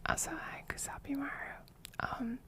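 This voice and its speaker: A woman livestreamer doing close ASMR whispering right in the listener's ear, coy and teasing, talking to her chat. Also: moderate pace. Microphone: close microphone.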